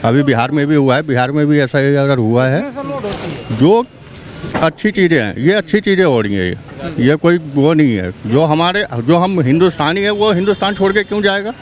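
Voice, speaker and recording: A man's voice: on the high side, animated, moderate pace, crowd noise. A man from Bihar giving his opinion on the street in an emphatic, repetitive way. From Bihar, India. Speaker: interviewee. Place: outdoors on a city street. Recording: street traffic noise.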